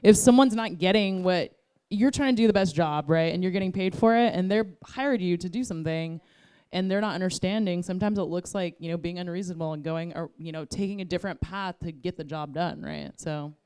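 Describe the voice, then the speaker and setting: A woman's voice: lowish voice, brisk, darkish tone, clear, resonant tone. A woman moderating a panel in a casual, conversational style.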